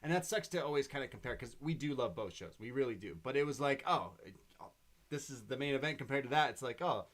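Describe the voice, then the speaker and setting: A man co-hosting a wrestling podcast, retelling a show in quick, animated play-by-play. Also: medium pitch. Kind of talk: casual show recap chat.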